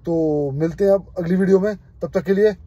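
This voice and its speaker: A man's voice: sits high, moderate pace, mellow, husky, no room sound, dull audio. A young man from India, a football fan channel host, giving his opinions in an emphatic, passionate casual vlog. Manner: passionate, emphatic, keeps saying "brother".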